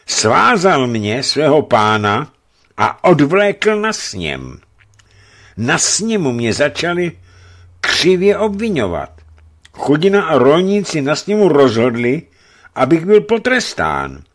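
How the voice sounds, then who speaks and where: A man voicing a self-pitying boyar who has been beaten, pleading in a high, tearful voice. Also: big pitch swings, creaky, heavily acted. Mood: wailing.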